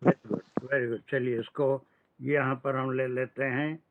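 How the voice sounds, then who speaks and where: Male teacher, patient drill-style delivery, slow measured talk, dry tinny call audio. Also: mid-range voice, flat delivery, no echo. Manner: patient, drills verb forms, mixes English phrases. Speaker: Arabic grammar teacher. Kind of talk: online class teaching.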